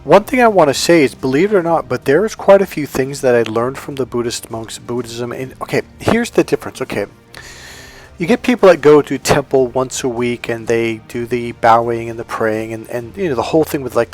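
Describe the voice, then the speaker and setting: A middle-aged dating coach from California talks a little fast in a mid-range voice, with faint music behind him. He tells personal stories about his history casually, drifting onto tangents and addressing the viewer directly.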